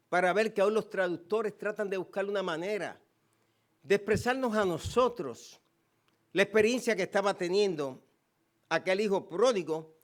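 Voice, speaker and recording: A man with a Puerto Rican Spanish accent, a pastor preaching a sermon, emphatic, with repeated phrases and quoted scripture. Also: sits high. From Puerto Rico.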